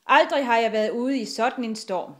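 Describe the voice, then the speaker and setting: A woman's voice: a little high, expressive, lightly acted. A woman voicing a boastful pirate captain who bellows his orders in a children's story. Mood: commanding. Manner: bellowing, gruff commands.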